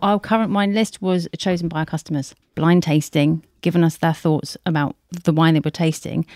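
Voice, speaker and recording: A woman's voice: sits low, steady tone, moderate pace, darkish tone, no echo, studio quality. A woman explaining matter-of-factly as a guest in a casual panel chat.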